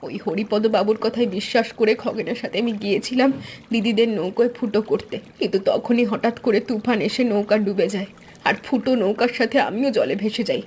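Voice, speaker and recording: A woman's voice: mid-range voice, a little fast, a little mellow, slight background noise, close to an everyday voice. An actress playing an emotional village woman in a plaintive, melodramatic audio-story style. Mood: bitter.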